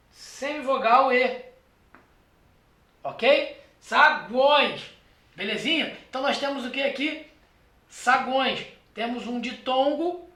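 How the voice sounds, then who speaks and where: A teacher with a Brazilian accent gives a lecture at a board, talking straight to the viewer. The voice is bright and forceful and keeps checking in with quick tag questions. The room echoes around it. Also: high-pitched. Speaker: exam prep teacher. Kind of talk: classroom lecture. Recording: roomy echo.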